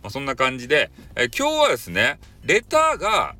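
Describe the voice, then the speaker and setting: With a mid-range voice that swings hugely in pitch, this Fukuoka man talks briskly in a sharp tone. Hosting his solo podcast, he is chatty and jokey, blending Hakata dialect into otherwise polite speech.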